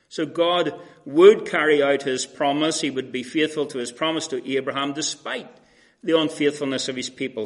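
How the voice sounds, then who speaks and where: A man preaching an earnest, conversational sermon, often restarting his phrases. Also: on the high side.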